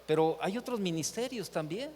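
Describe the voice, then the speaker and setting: A man's voice: high-pitched, moderate pace, long reverb tail. A man with a Mexican accent gives a church leadership talk, telling stories and asking rhetorical questions. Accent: Mexican Spanish. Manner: animated storytelling with rhetorical questions. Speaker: seminar speaker at a church. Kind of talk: preaching talk with anecdotes. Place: church meeting hall.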